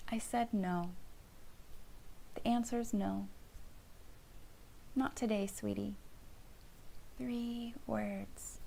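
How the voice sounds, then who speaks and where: A middle-aged woman, a family therapist, giving a calm parenting lesson in a soft, often hushed voice. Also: medium pitch, creaky.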